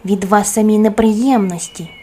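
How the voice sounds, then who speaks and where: A woman's voice: mid-range voice, steady tone, normal speed, slightly rough, lightly acted. A woman voicing a grumpy, greedy male forest gnome who grumbles and complains in a storybook tale. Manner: grumbling, indignant. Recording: soft music underneath.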